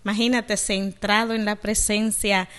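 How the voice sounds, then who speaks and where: A woman's voice: mid-range voice, flat delivery, unhurried, a bit bright, smooth. A middle-aged woman from the Dominican Republic, a guest on a radio show, earnestly telling her life story. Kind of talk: radio interview, personal testimony.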